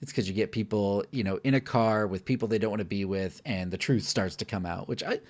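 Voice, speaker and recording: Male film-review co-host, lowish voice, chatty and candid, restarts often. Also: a little fast, darkish tone. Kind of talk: casual film review chat.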